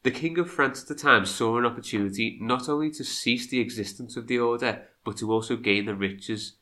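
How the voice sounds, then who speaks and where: A podcast co-host with a cold sounds congested and nasal as he shifts between scripted history narration and chatty asides. His mid-range voice is bright and forceful, and he speaks briskly.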